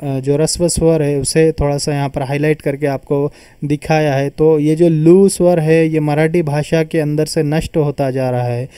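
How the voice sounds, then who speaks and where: A male teacher gives a patient grammar lesson, sounding out each term and repeating it. His voice is very dark and mellow yet smooth, fairly high for a man, and recorded close and dry. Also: fairly even intonation, moderate pace, no room sound. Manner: patient explaining, repeats terms and sounds them out.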